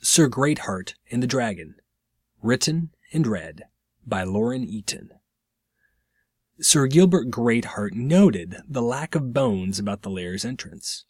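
A man reading short fiction aloud in a measured, scripted narration. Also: mid-range voice, big pitch swings, a little mellow, no echo, clean studio sound.

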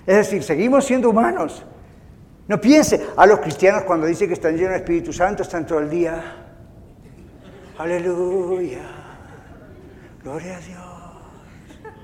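A man pastor preaching a sermon in an animated way, acting out inner voices as he goes. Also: high-pitched, fast, long reverb tail, a little hiss or hum.

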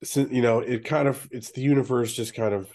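A man with a nasal, congested voice, sick and low on energy, hosting a casual podcast with some easy swearing. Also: steady tone, fairly quick, a little mellow. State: sick with stuffy nose. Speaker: podcast host.

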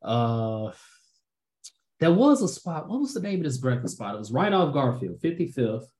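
A man's voice: mid-range voice, very animated, normal speed, a little mellow. A man, hosting an easygoing, slangy casual chat and asking the questions. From Chicago south suburbs. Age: 30s. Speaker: podcast host.

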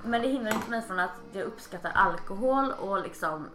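A woman's voice: medium pitch, expressive, sharp tone, echoey room, faint music behind. A woman, a podcast host chatting casually while tipsy, swearing and acting out voices.

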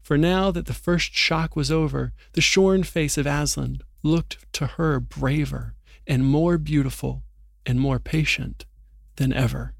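A man reading a storybook passage aloud in an earnest, expressive way, then reflecting on it in a Bible discussion. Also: a little high, a little slow, vocal fry, no echo, studio quality.

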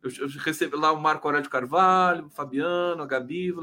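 A man's voice: on the high side, a little fast, pushed and bright. A man hosting a live stream, chatting casually about politics, rambling and tagging his sentences with questions to viewers. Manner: chatty, rambling, constant "né?" tags, reads out viewer comments.

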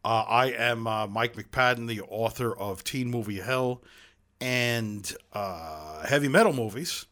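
A man's voice: medium pitch, unhurried, fairly bright tone. A middle-aged man with a Brooklyn accent hosting a podcast in casual chat. He is self-deprecating and fills his talk with "uh", often chuckling. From Brooklyn, New York. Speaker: podcast host.

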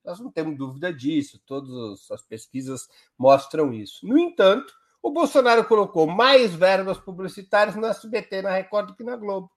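A man's voice: sits high, expressive, normal speed, few pauses. A man with a Brazilian Portuguese accent, a guest commentator explaining politics live on a talk show in an emphatic, step-by-step way.

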